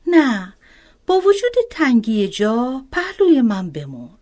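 Brief: motherly old storybook woman, soothing, lively pitch, voiced by a woman. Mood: kind. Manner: soothing, gently scolding.

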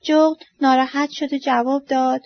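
A woman storyteller reading a children's story aloud, expressive and trailing off softly at line ends. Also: high voice, no echo. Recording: dull lo-fi dry recording.

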